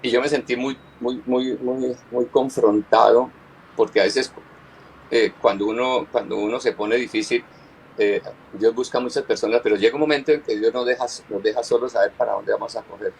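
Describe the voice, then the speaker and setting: A pastor giving an earnest personal testimony, often halting and repeating his words as he recounts. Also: mid-range voice, steady tone, gravelly, slight background noise, poor audio.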